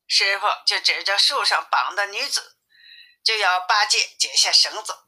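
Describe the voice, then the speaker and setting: A woman reading a classic story aloud in a lively manner, shifting her voice for each character. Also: medium pitch, moderate pace. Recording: tinny phone-like sound.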